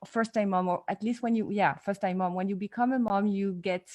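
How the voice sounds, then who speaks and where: A woman hosts a live interview over a video call, keen and upbeat as she draws out her guest. Her voice sits at a plain middle pitch. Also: fairly even intonation, fairly quick, darkish tone. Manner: enthusiastic, eager. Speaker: host.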